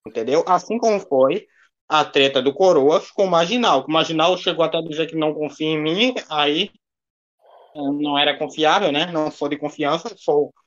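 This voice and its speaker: A man speaks a little high, his voice coming over a dull, muffled, lo-fi connection. He is a livestream guest defending himself in a casual debate, circling back and repeating the same phrases.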